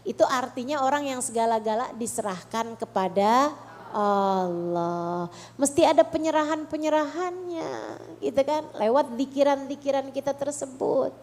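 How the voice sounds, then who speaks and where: A woman's voice: high-pitched, animated, normal speed, a little mellow. A middle-aged woman with an Indonesian accent giving an Islamic study talk to women, earnest and often asking the audience questions. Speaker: religious teacher.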